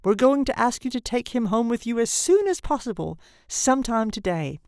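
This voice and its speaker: A woman voicing a severe, insistent hospital nurse in a storybook, with a stern, brisk manner. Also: sits high, very animated, no room sound, studio quality, pitched above the performer's own voice, heavily acted.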